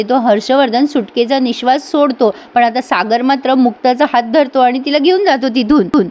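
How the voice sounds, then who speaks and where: A woman's voice: on the high side, darkish tone. A woman retelling a TV serial episode in a chatty way, talking straight to her viewers. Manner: chatty, addresses viewers directly. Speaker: serial recap presenter.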